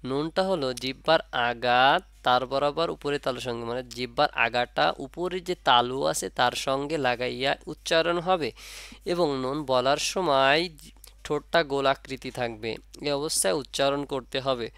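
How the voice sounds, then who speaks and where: A man's voice: medium pitch, moderate pace, fairly bright tone, clean tone, no echo. A man with a Bangladeshi Bengali accent teaching Arabic letter pronunciation, patient, repeating points and drawing sounds out to demonstrate them. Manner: patient, repeats and asks the class questions. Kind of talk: Quran letter pronunciation lesson.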